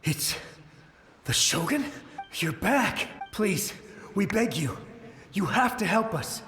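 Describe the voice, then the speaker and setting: An actor playing a desperate, wounded soldier who pleads urgently. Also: male voice, sits high, very animated, slow pace, pushed and bright, soft background music, heavily acted. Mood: pleading. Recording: echoey reverberant space.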